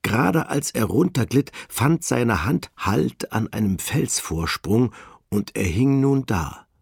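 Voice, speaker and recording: Slow, gravelly-voiced man reading devotionally. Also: lowish voice, dry recording, studio quality. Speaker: reader of a spiritual text.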